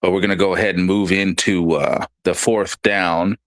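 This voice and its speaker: A man's voice: sits low, little pitch movement, normal speed, no room sound. A man hosting a casual podcast, rambling loosely and reading out listener comments. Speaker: podcast host. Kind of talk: casual chat.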